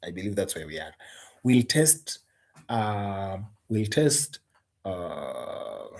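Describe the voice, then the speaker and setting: A man's voice: deep voice, big pitch swings, slow pace, creaky. A man with a Kenyan English accent teaching an exam-prep English lesson, emphatic and often repeating words.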